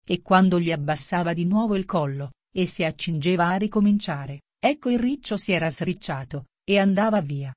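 A woman narrating a storybook in a measured, steady way. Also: fairly low pitch, dry recording, studio quality. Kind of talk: storybook reading.

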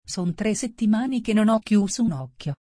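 A woman's voice: mid-range voice, expressive, moderate pace, dark tone, dry recording, clean studio sound, lightly acted. A woman voicing a frantic, sleepless pigeon guarding its eggs in a storybook reading, distressed and complaining. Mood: distraught.

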